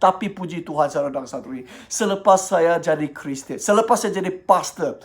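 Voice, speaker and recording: Middle-aged male pastor, earnest devotional preaching with animated quotes. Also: on the high side, brisk. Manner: earnest, repeats "brothers and sisters", acts out quoted voices. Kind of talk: devotional sermon.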